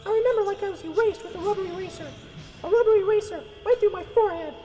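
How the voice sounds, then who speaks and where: A man voicing a mad, brooding cartoon mouse warlord in a squeaky falsetto, as a solemn monologue in a radio drama parody. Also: quick pace, warm tone. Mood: brooding, grandiose. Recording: long echoing reverb.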